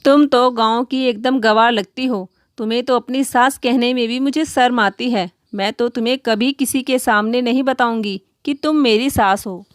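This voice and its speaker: A woman's voice: fairly high pitch, fairly even intonation, normal speed, few pauses, smooth, no echo, clean studio sound, close to an everyday voice. A woman voicing an arrogant young daughter-in-law from a wealthy family, who speaks in a scornful, haughty way.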